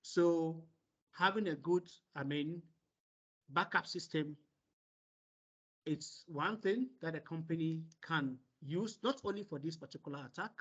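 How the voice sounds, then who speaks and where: A man moderating an online seminar over a video call, relaying questions and explaining in a halting way with many pauses. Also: on the high side, breathy edge. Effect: heard over a video call. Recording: dull lo-fi meeting audio.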